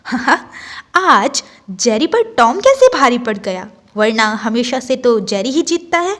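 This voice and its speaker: A woman's voice: fairly high pitch, very animated, slow pace, fairly bright tone, full character voice. A woman voicing a middle-aged father who jokes lightly. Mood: amused. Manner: light, teasing.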